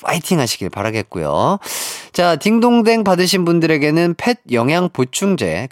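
Animated male radio DJ, dry studio sound. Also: mid-range voice, dry recording. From Jeolla, South Korea. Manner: playful, joking, reads listener texts aloud. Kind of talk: lively radio quiz hosting. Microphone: studio microphone.

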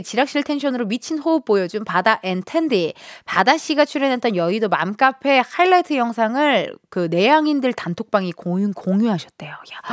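A woman's voice: mid-range voice, no room sound, clean studio sound. A woman from Incheon hosting a radio show, reading listener messages playfully and mimicking voices. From Incheon, South Korea. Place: radio studio. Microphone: studio microphone.

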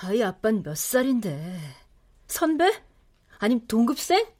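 An actress playing a middle-aged mother who questions her daughter coldly and then shouts in shock. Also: fairly high pitch, very animated, measured pace. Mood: stern. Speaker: mother, writer.

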